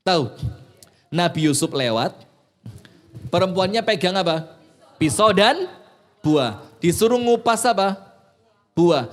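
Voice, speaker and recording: A male Islamic preacher with an East Javanese accent, giving a sermon to women and questioning the audience with dramatic pauses. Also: high-pitched, expressive.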